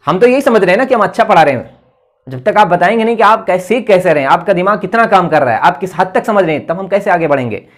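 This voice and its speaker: A man's voice: high-pitched, lively intonation, fast, a bit bright. A man teaching an English grammar lesson online, explaining patiently and repeating key points with frequent checks.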